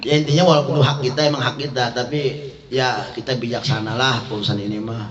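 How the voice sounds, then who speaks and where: A man's voice: mid-range voice, fairly even intonation, fairly quick, crowd noise. A man with a Jakarta Betawi accent teaching a religious text study, reading Arabic lines and explaining them in joking street slang. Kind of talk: kitab study lesson. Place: indoor prayer gathering room. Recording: echoey room, dull lo-fi sound.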